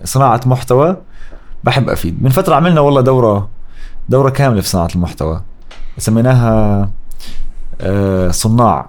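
A man's voice: mid-range voice, expressive, fast talker, long pauses, darkish tone. A man in his thirties with a Jordanian Arabic accent, chatting casually as a podcast guest and dropping in English words. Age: 30s. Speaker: podcast guest, voice-over artist and content creator. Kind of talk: casual conversational interview, mixing in English words.

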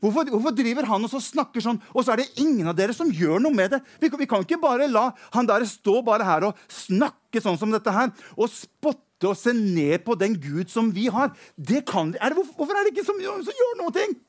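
A man's voice: high-pitched, hardly any pauses, natural voice. A man voicing a bold, eager young shepherd boy, urging and stammering with repeated words. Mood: urgent, indignant.

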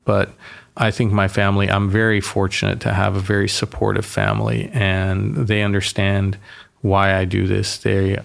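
A man being interviewed, talking with open enthusiasm and going into long explanations. His voice is gravelly and fairly low, with a relaxed, conversational flow. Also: moderate pace. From grew up in Boston and Yerevan. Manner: passionate, talkative, explains at length. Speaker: mayor, interview guest.

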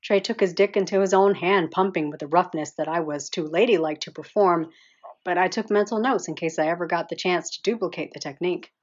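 A woman with a deep voice narrates an audiobook in the first person. Her reading is soft, intimate and measured. The recording sounds a little dull and lo-fi.

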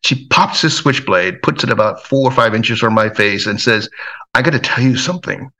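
A middle-aged man from Hawaii, a self-defense trainer, telling his life story in a relaxed, rambling way full of fillers. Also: mid-range voice, moderate pace. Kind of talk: casual storytelling.

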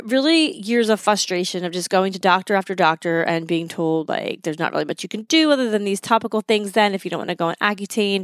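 A woman's voice: mid-range voice, smooth, no echo, clean studio sound. A woman in her thirties hosting a solo podcast, talking in a chatty, conversational way from her home. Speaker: podcast host. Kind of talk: casual solo podcast talk. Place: indoors at home, recorded in a basement.

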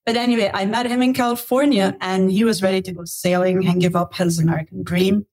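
A woman's voice: mid-range voice, steady tone, fairly quick, darkish tone, slightly rough. A middle-aged woman from Belgium, a podcast guest, telling her travel story in a chatty way with laughs and restarts. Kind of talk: casual interview storytelling.

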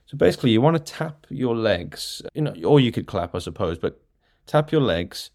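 A man's voice: mid-range voice, big pitch swings, moderate pace, darkish tone. A man, a music teacher and podcast host, explaining rhythm games in a chatty way. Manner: chatty, explanatory, claps and taps examples. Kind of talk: casual teaching talk.

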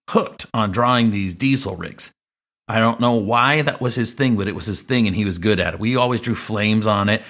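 A man's voice: on the low side, a bit bright. Reflective man in his forties reminiscing. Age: 40s. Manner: reflective, rambling with restarts and asides. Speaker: podcast host. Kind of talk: personal storytelling monologue.

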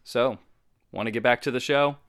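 A man's voice: mid-range voice, normal speed, a bit bright, dry recording, clean studio sound. A man hosting a comedic advice show, talking earnestly and sometimes sounding exasperated. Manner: earnest, exasperated, eager to please.

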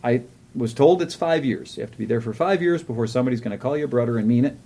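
A man's voice: mid-range voice, quick pace, dark tone. A man co-hosting a casual podcast, telling a profane travel story and laughing often. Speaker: podcast co-host. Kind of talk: casual chat.

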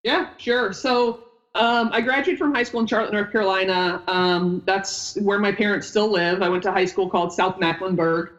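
Speaking at a normal speed in a medium-pitched, steady voice, a former basketball player and coach guests on a casual podcast interview. She's in her thirties and grew up in upstate New York, United States, and she chats in a rambling way that wanders off mid-sentence. The recording is muffled.

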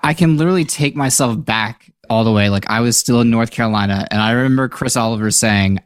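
A man's voice: medium pitch, fast talker, smooth, dry recording. A man with a mid-range voice talks shop on a tech podcast with eager enthusiasm. He is recorded close to the mic in a dry, dead-sounding room. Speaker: podcast co-host. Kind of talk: casual tech chat.

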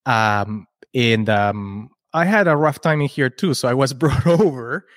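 An unhurried man with a mid-range voice, recorded dry at studio quality, shares his story as a podcast guest. He's a Chilean entrepreneur whose native tongue is Spanish, and his casual interview storytelling is earnest, rambling, and full of restarted words.

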